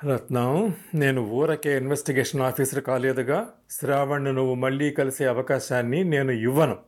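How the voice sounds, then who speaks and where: A man's voice: medium pitch, fairly even intonation, normal speed, natural voice. A man doing a shrewd, commanding investigator. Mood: knowing. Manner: direct, warning.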